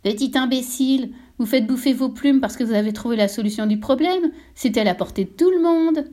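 A woman's voice: high-pitched, a little fast, warm tone, voice pushed up, lightly acted. A woman voicing a grumpy, jealous farm pig who grumbles rudely, in a storybook reading. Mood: grumbling. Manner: grumbling and rude.

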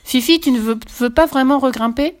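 A woman's voice: high-pitched, brisk, pitched above the performer's own voice, natural voice. A woman voicing a timid, cautious little girl in a storybook reading. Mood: worried. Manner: worried, hesitant.

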